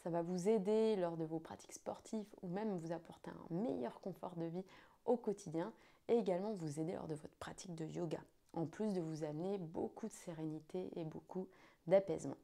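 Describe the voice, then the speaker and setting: A woman's voice: fairly low pitch, brisk, gravelly, mellow. A woman speaking as a yoga teacher, giving an instructional explanation to students.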